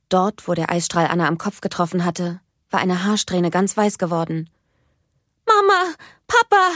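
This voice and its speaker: A woman reading a children's storybook aloud in a calm, even storytelling manner. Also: fairly low pitch, no room sound, studio quality. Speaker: narrator.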